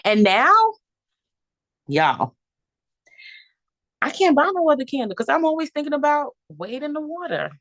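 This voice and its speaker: A woman coach telling a casual, animated story to her listeners, acting out her own thoughts as she goes. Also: sits high, a little slow, long pauses, no room sound. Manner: chatty and animated, addresses listeners as "y'all"; acts out her own thoughts in quoted asides. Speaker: coach speaking to her course members.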